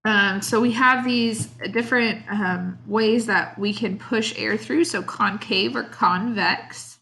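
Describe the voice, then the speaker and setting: A woman's voice: mid-range voice, slow pace, creaky, bright, forceful tone. A woman teacher talking her class through an online lesson, casual and explanatory with fillers.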